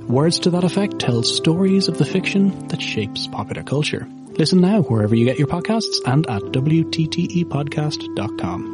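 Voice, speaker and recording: A man's voice: on the high side, expressive, normal speed. A man reading a scripted podcast promo, with a punchy delivery of questions. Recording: promo with music under it.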